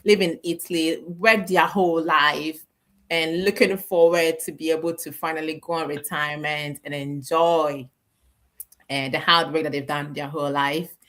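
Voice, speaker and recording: A woman from Ghana hosts a casual live stream over a video call. Her voice sits low, and she rambles warmly, with feeling. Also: steady tone, moderate pace. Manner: warm, emotional, rambling with laughs.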